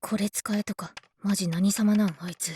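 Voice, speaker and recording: A woman voicing a reclusive young female hacker in a game who mutters angry rants at high speed. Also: fairly even intonation, warm tone, slight background noise, natural voice. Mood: ranting. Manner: rapid, muttering, indignant rants. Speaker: game character. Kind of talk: Japanese game voice acting.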